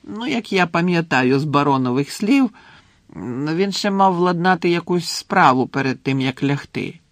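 A man's voice: a little high, animated, moderate pace, no echo, pitched above the performer's own voice. A man voicing a chatty, cheerful male ghost eager to share gossip, in a storybook reading.

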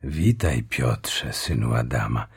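A man reading a majestic lion king in a deep, rich, solemn voice, slow and grave. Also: expressive, husky, dry recording, clean studio sound, exaggerated voice. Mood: solemn greeting.

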